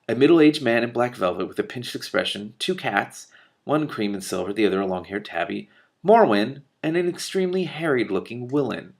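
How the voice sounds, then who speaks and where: A man reads a fantasy novel aloud with a vocal fry, his pitch and volume climbing for the characters' lines. Between passages he breaks off for quick, animated comments, mutters, laughs and the odd swear, acting as both reader and commentator.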